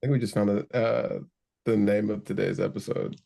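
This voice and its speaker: A man co-hosting a casual podcast interview, friendly and relaxed as he asks questions. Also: fairly low pitch, brisk, creaky. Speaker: podcast co-host.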